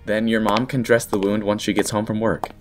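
A forgiving middle-aged father acted by a man for a comic dub. He is mild and measured, his voice somewhat low, with soft music behind. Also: flat delivery, natural voice.

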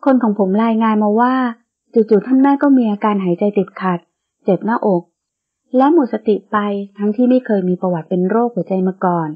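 A soft-spoken young sheikh, read by a woman in an audiobook romance, coaxing and earnest as he pleads. He talks slowly, in a voice pitched lower than the reader's own. The sound is dull and lo-fi. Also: breathy edge, lightly acted.

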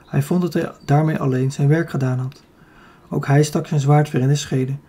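A man's voice: a little high, fairly even intonation, moderate pace, warm tone, slightly rough. A man with a Dutch accent narrating a children's fantasy audiobook, reading steadily with the odd slip and self-correction.

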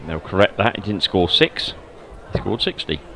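Deep, a touch bright and very animated, his voice moves at a moderate pace as he co-commentates live on darts. He offers brief, understated remarks in a chatty way while crowd murmur fills the noisy venue.

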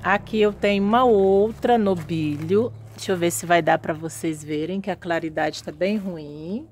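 A woman's voice: on the low side, normal speed, darkish tone, a little hiss or hum. A woman giving a casual walking tour of her home orchid house, chatting admiringly as she shows her plants to viewers. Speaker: orchid grower vlogger.

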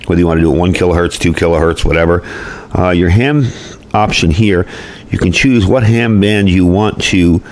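This host's voice sits low, and there's a slight background noise as he reviews and demonstrates gear indoors at a desk or workbench. The man keeps it folksy and casual, explaining informally while he works through the product.

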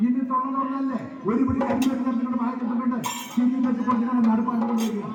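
Guy acting as fussy villager in a folk comedy, talks fast, declaims complaints, really echoey and far off. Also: very high-pitched, little pitch movement. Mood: pleading. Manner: declamatory, repetitive pleading. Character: fussy, fast-talking villager petitioning the oracle with grievances. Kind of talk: comic folk drama acting. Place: live folk stage performance. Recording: echoey distant PA, dull sound.

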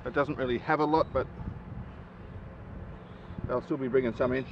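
A hobby beekeeper chats casually with lots of ums while tending the hives in his backyard apiary, his medium-pitched voice carrying some vocal fry at a normal pace. It's a relaxed outdoor how-to vlog, recorded on a camera with slightly dull audio and faint noise, and a neighbour's lawnmower runs in the background.

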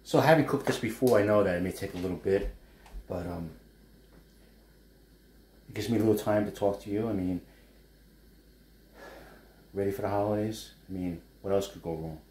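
This chef and food blogger, a New York man in his fifties, talks casually over a wok at home about his food and small business, drifting into rambling asides. He speaks on the low side at normal speed, with a dark tone and long pauses, in a roomy indoor home space.

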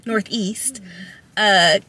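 A woman's voice: mid-range voice, drawn-out words, sharp tone, husky. A woman, telling a story casually in a vlog. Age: 30s. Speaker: vlogger.

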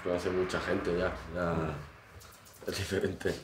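A man in his twenties, a barber, chatting casually while shaving a client in his small shop, in short relaxed phrases. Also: sits low, unhurried. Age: 20s. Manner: relaxed, modest, talks in short trailing phrases. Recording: roomy shop echo, faint noise.

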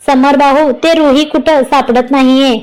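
A woman's voice: high voice, steady tone, a little slow, a little mellow, rough recording. A woman voicing a scared male household servant who reports the news fearfully. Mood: frightened. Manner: breathless, fearful.

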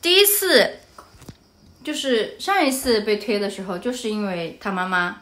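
A woman's voice: mid-range voice, big pitch swings, moderate pace, a bit bright. A woman from Anhui, China, vlogging casually and telling a story animatedly, often turning to the viewer with asides.

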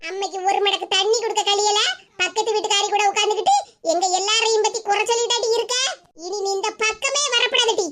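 Casting: a quarrelsome, cackling old cartoon mother-in-law, very high and fast, Tirunelveli Tamil accent. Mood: scolding. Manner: scolding, theatrical, cackling. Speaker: cartoon voice actor. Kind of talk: comic cartoon voice acting. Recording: noisy recording.

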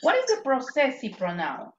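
A woman whose first language is Spanish, teaching English grammar in an online class, repeating examples patiently and clearly. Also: high-pitched, huge pitch swings, unhurried, dull audio, a little hiss or hum.

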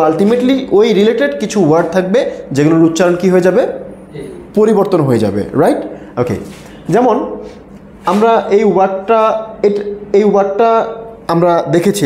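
Male pronunciation teacher with a Bangladeshi accent, high and animated, voice soft and mellow, drilling the class in an echoey room. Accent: Bangladeshi Bengali. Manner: quizzing, has the class repeat words after him. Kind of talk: live classroom lesson. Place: classroom with students.

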